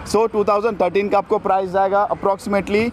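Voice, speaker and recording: A man with an Indian accent and a notably high voice works through a car sales pitch. His patter is slick, hammering prices and promises over again. Light urban noise sits behind him. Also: little pitch movement, a little fast. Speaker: used luxury car dealer.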